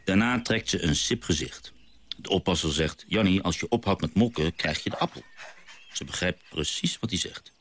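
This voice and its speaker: A low-voiced naturalist father in a radio play, lively storyteller, very expressive delivery. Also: moderate pace, slightly rough, full character voice. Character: gentle father, a naturalist recalling his sea voyage. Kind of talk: radio drama narration.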